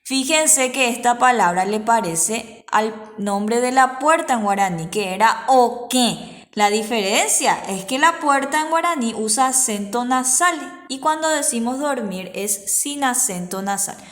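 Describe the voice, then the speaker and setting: A woman's voice: on the high side, expressive, measured pace, a bit bright, roomy sound. A woman teacher gives a patient children's language lesson, repeating words for practice.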